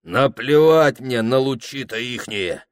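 A man voicing a contemptuous, rough village man who speaks scornfully. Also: medium pitch, animated, unhurried, no room sound, studio quality, natural voice. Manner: scornful, dismissive.

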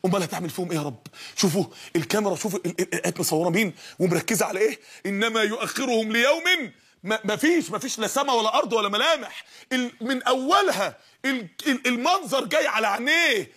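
An Egyptian man delivering an impassioned sermon, dramatic and pleading, building to shouts. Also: high-pitched, very fast, husky. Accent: Egyptian Arabic. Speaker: preacher.

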